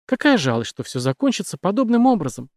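A man voicing a young woman killer who speaks softly and composedly with quiet menace. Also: high voice, sing-song, fast, dry recording, studio quality, pitched above the performer's own voice. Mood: calm menace. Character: cold calm female killer, young woman.

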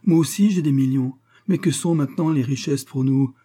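A man's voice: mid-range voice, moderate pace, mellow, pitched above the performer's own voice, natural voice. A man voicing Pauline, an ardent young woman. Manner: impassioned, breathless devotion. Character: young woman in love, tender and exalted. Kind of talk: audiobook character reading.

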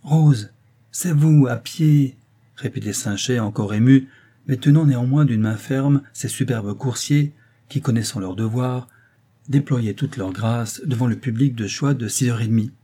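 A man reading a classic novel aloud in a measured literary manner, raising his pitch for the characters' dialogue. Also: dark tone. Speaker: audiobook narrator. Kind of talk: scripted narration.

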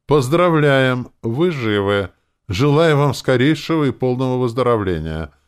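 Мужчина-чтец озвучивает бодрое системное сообщение из игрового мира аудиокниги, торжественно объявляя новости. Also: male voice, medium pitch, lively intonation, measured pace, smooth, pitched above the performer's own voice, close to an everyday voice. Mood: announcing. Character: cheerful in-game system message voice.

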